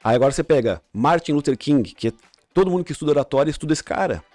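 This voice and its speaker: A man's voice: on the high side, expressive, racing, a little mellow, no room sound, faint music behind. A middle-aged man, a podcast guest coaching on communication, explaining with examples and frequent restarts. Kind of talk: casual podcast chat.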